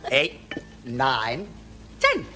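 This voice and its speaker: A man's voice: mid-range voice, huge pitch swings, very slow, crowd noise, heavily acted. An actor playing a cheeky young man from who teases and provokes an older man. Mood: teasing. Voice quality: teasing, cocky. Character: cheeky, mocking young left-wing man. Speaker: sitcom character.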